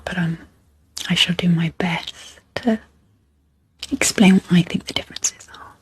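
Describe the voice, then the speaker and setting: Half-whispering in a soft, breathy way, this ASMR psychologist and host introduces a guided sleep meditation, her phrases slow and punctuated by pauses. Her pitch is fairly low and her tone stays steady throughout.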